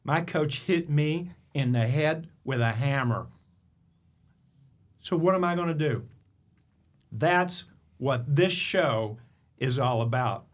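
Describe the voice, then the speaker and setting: A man's voice: mid-range voice, slow pace, long pauses. A man hosting a motivational podcast, telling a personal story with emphatic rhetorical questions. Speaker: podcast host.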